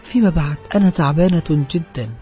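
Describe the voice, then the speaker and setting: A man's voice: on the high side, quick pace, dark tone, soft background music, close to an everyday voice. A man voicing a tired, beaten young woman who talks weakly and sadly. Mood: sorrowful. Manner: weak, sorrowful speech. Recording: dull lo-fi audiobook track.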